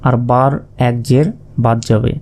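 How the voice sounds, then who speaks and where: Slow, mellow-voiced man teaching Quran reading. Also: medium pitch, flat delivery, creaky. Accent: Bangladeshi Bengali. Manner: spells letters and vowels one by one, then chants the joined word.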